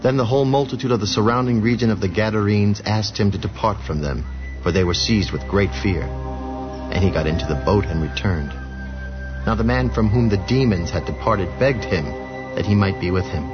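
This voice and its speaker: A man narrating scripture in a steady, even storytelling way. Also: on the low side, a little fast. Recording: dull lo-fi audio with music behind.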